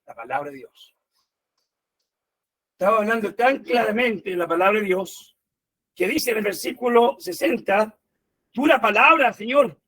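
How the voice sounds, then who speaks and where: A man preaching a sermon in an animated way, often calling his listeners brothers. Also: high-pitched, normal speed, long pauses.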